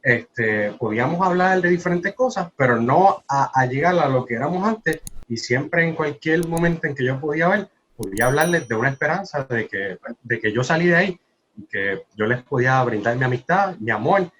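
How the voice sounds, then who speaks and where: A man tells a personal story on a podcast, earnest and reflective, letting his phrases fade away quietly. The sound is a little dull and muffled, with a faint hiss of background noise underneath. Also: medium pitch, lively intonation, moderate pace. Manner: earnest, reflective, often trailing off softly. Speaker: podcast co-host. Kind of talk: personal testimony in a casual podcast chat.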